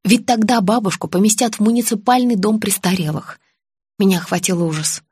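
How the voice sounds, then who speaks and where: A young woman narrating a first-person audiobook in a lively storytelling voice and voicing the dialogue. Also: medium pitch, a little fast, breathy edge, dry recording, clean studio sound.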